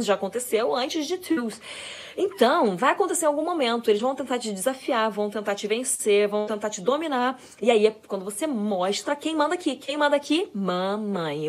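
A young woman, a mother, chatting fast and animatedly to viewers about raising her children. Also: on the high side, breathy edge. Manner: fast, animated, self-described fast talker. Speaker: mother giving parenting advice. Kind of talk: casual chat to viewers.

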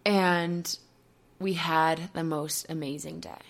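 Candid woman with a gravelly low voice. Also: steady tone, takes it slowly. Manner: open, reflective, many "like" fillers. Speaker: podcast host. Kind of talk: candid personal monologue.

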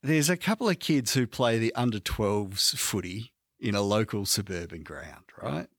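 An Australian man co-hosting a casual comedy podcast, pitching ideas in an animated way and laughing often. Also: normal speed, no echo, clean studio sound. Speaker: podcast co-host.

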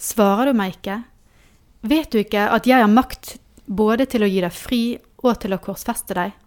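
A man voicing an anxious, imperious Roman governor in a dramatic scripture reading, with a raised, sharp, questioning manner. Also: sits high, pitched above the performer's own voice, lightly acted. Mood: tense.

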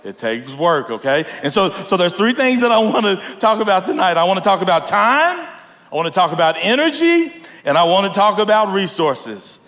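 High-voiced man preaching. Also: normal speed, big-room sound. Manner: lively call-and-response preaching, joking with the congregation. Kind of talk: sermon.

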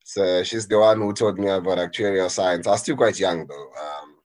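With a low, slightly mellow voice at a moderate pace, a thirty-something Zimbabwean actuary describes his background. He's a guest on a podcast, keeping the interview chat casual.

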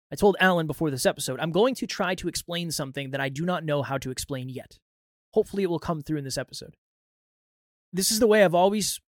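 Higher-voiced man, motivational podcast host. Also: no room sound, studio quality. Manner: life-coach delivery, earnest and explanatory with analogies. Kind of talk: motivational self-improvement podcast talk.

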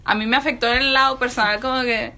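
A woman's voice: a little high, fairly even intonation, fast, pushed and bright. A woman in casual chat, speaking earnestly and personally with many fillers.

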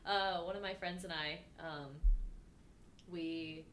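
A woman's voice: fairly low pitch, fairly even intonation, takes it slowly, fairly bright tone, slight background noise. A woman hosting a podcast who chats casually and asks easygoing questions to prompt her guest. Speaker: podcast host. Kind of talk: casual chat.

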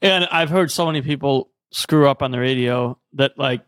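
A man's voice: mid-range voice, normal speed, fairly bright tone, dry recording. A man co-hosting a podcast over a headset, laid-back and easygoing, with plenty of yeahs. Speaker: podcast co-host. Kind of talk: casual chat.

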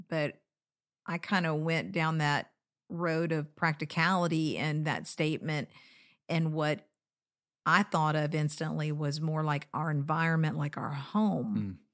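A middle-aged woman co-hosting a casual, reflective conversation, with frequent conversational asides. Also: low voice. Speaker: co-host of a marriage show.

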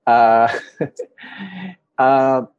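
A middle-aged man from Honduras, telling his story as a panel guest in a casual interview, pausing often with fillers and clearing his throat. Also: mid-range voice, animated, a little mellow, no room sound, muffled recording.

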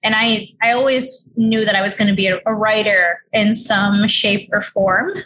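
A young woman chats freely as a podcast guest, full of "um" and "like". Her voice is bright and forward. Faint noise hums behind her. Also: medium pitch, fairly even intonation, moderate pace. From New York City. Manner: chatty, lots of fillers and likes. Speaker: guest, author. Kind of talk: casual interview.

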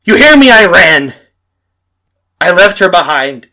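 An actor playing a guilt-ridden, terrified dead man in a horror radio play, narrating melodramatically and haltingly with repeated phrases. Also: sits high, sing-song, bright, forceful tone, heavily acted. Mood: frantic, tormented.

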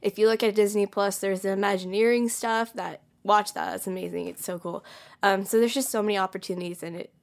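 A young adult woman from California co-hosts a college podcast, speaking briskly at a medium pitch with fairly even intonation and some vocal fry. She sounds bubbly and enthusiastic, laughing and dropping "like" often.

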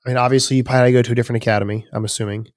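Fast-talking man interviewer. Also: mid-range voice, level tone, no room sound, studio quality. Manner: quick, friendly, agreeable questions. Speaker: interviewer, host. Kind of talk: casual interview conversation.

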